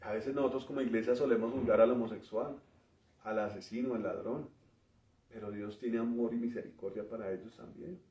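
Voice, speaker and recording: A man preaching a teaching sermon, explaining word meanings in a measured way and often ending phrases with a questioning tag. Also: mid-range voice, steady tone, mellow. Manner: pauses and restarts while working through word meanings. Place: church. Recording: roomy, distant, dull church recording.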